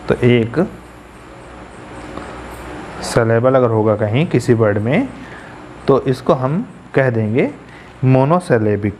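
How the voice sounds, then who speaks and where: A man lectures at a very unhurried pace. He repeats each key term and keeps asking his students questions. Faint room noise sits under his voice. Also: mid-range voice, a little mellow. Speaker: English teacher. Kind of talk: classroom lecture.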